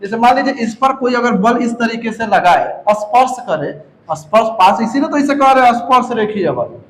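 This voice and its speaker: A man with a very high voice teaches a physics class in a roomy space that echoes. He speaks with a touch, keeps repeating key terms and quizzing students. He calls the students "babu". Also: lively intonation, normal speed. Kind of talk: classroom lecture. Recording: echoey room.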